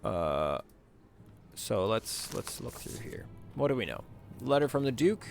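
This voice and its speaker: A man hosts a gaming video, reading the game's text aloud and muttering casual remarks to himself over game music. His mid-range voice is very animated and a little creaky, and he speaks slightly slowly.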